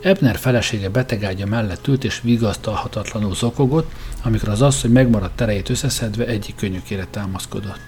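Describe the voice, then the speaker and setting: A man reading a story aloud in a measured narrating voice. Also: lowish voice, darkish tone, soft background music. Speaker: audiobook reader. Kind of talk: scripted narration.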